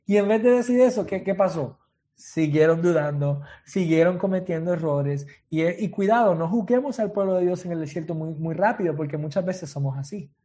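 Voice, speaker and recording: A man in his thirties preaches a sermon with a Miami Spanish accent. His voice sits high but sounds mellow and warm. He drops English phrases into his Spanish and often restarts his sentences. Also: normal speed. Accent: Miami Spanish with English code-switching.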